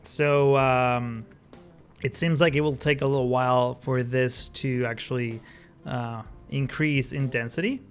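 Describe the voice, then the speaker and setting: A man's voice: mid-range voice, steady tone, unhurried, faint music behind. A man giving casual gameplay commentary as the host of his channel, rambling with many fillers and self-corrections.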